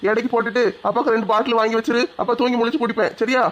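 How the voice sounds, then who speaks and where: A man's voice: extremely high pitch, flat delivery, very fast, fairly bright tone. An actor playing a drunken, shameless middle-aged father. He talks in a blustering, mock-pleading way. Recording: dull lo-fi sound.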